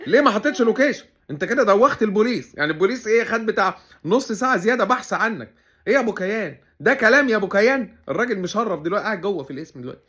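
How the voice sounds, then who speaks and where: A man with an Egyptian Arabic accent rattles through a sarcastic comic commentary at great speed. His pitch swings widely and freely. He keeps a mock-serious, teasing tone as he hosts. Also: expressive, very fast, fairly bright tone, husky. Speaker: comedy show host.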